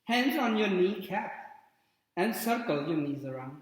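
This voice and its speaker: A man guiding a yoga class with calm, short spoken cues and pauses between them. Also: high voice. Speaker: yoga instructor. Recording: very echoey room with long reverb.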